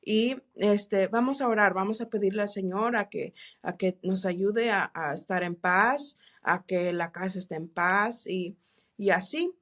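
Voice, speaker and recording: A woman telling her faith testimony in an interview, earnest and halting, with many restarts and English words mixed in. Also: medium pitch, a bit bright. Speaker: interview guest. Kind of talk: testimony in a church podcast interview.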